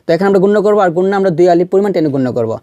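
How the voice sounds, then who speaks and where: A man teaching Quran reading step by step. He repeats syllables slowly to show how they are pronounced, and he asks questions and answers them himself. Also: high voice, animated, warm tone, no room sound, muffled recording. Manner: patient, repeats sounds and syllables slowly to demonstrate pronunciation. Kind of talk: step-by-step recitation lesson.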